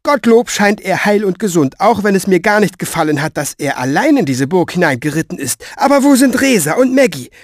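A man voicing a bossy, stout middle-aged woman who fires off loud, breathless questions in an audiobook. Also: sing-song, fairly quick, hardly any pauses, no echo, studio quality. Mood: indignant. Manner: shrill, breathless, barrages of questions.

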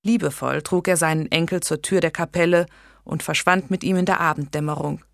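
A woman narrating an audiobook in a measured, even storytelling manner. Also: low voice, creaky, dry recording, studio quality. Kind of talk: scripted narration.

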